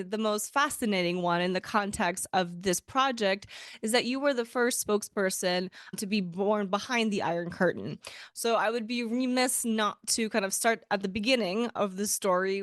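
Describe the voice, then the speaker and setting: A woman hosting a podcast, moving from a polished, formal introduction to relaxed conversational questions. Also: mid-range voice, no echo, clean studio sound. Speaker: podcast host. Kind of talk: scripted intro and interview questions.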